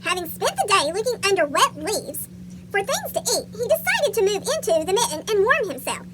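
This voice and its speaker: Someone voicing a chipmunk with a squeaky cartoon voice, reading a picture book aloud to children. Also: very animated, a little fast, heavy background noise. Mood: chirpy storytelling. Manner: asks young listeners questions. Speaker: story reader for children.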